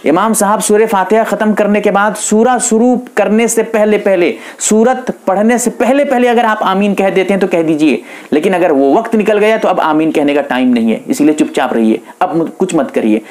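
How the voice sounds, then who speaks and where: A male Islamic scholar with an Indian accent explains the rules of prayer in a religious instruction lecture. His voice is high-pitched with a darkish tone, and he moves at a moderate pace with few pauses. Patient and methodical, he restates each instruction several times for emphasis.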